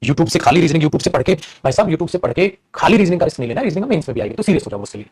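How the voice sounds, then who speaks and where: A man's voice: on the high side, sing-song, racing, a little mellow, husky. A man teaching English grammar in an online live class. He calls his students 'beta' fondly, mixes Hindi and English, and makes teasing asides.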